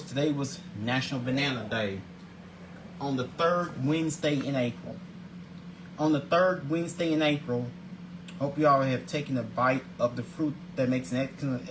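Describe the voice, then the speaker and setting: In his casual scripted vlog, a man in his forties who hosts a daily video show reads his segments at an ordinary pitch, frequently stumbling, repeating and restarting words. He greets viewers in an earnest, religious way, with clear background noise beneath.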